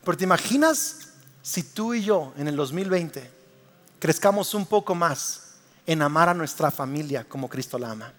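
A man preaching a sermon to a congregation, animated and storytelling, rising to loud calls. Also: on the high side, moderate pace, long reverb tail. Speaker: pastor. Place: church hall.

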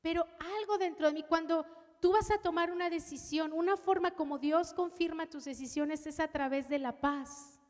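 A woman preaching a personal testimony, telling her story with strong emotion and dropping to a hush at tender moments. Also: very high-pitched, normal speed, big-room sound. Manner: emotional storytelling, shifts from loud to hushed. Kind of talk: testimony sermon.

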